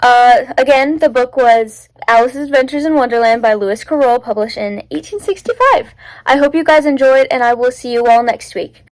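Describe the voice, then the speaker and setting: A woman's voice: sits high, moderate pace, no room sound, low-quality recording. A young woman presenting a scripted book club segment.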